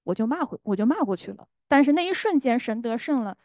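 一位年轻女性在教会里分享个人见证，语气真诚，夹杂不少停顿和口头语，还会模仿心里的声音。. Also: female voice, a little high, lively intonation, fast, darkish tone, dry recording, studio quality. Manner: earnest, many fillers, acts out inner voices. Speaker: church member giving testimony. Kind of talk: church testimony.

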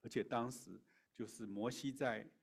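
A man's voice: medium pitch, fairly even intonation, normal speed, vocal fry, breathy edge. A middle-aged man giving a sermon in a conversational way, with hesitations and restarts. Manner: conversational preaching with fillers and restarts. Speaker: pastor.

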